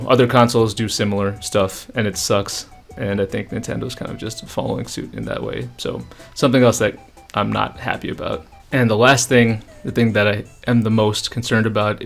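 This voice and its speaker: A man's voice: fairly low pitch, creaky. A man hosting a gaming channel, giving unscripted, opinionated casual commentary with frequent "um" and "I think".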